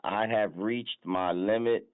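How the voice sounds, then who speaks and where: A man in a casual group chat, slangy and unhurried. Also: on the low side, steady tone, clear, resonant tone, no room sound. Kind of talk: casual chat, asking for help. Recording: tinny online voice call.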